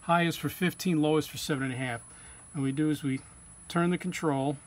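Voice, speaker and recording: Fairly quick and fairly even in intonation, this man's voice sits on the high side as he demonstrates equipment calibration. The tutorial is informal and plain-spoken, taken one step at a time, over a clear background hum or ambient noise.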